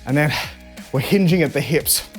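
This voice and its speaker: Aussie workout coach, chatty and pushing you on, mid pitch, soft music behind. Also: moderate pace. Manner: encouraging, chatty, demonstrating while exercising. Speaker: fitness instructor. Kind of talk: coaching a live home workout.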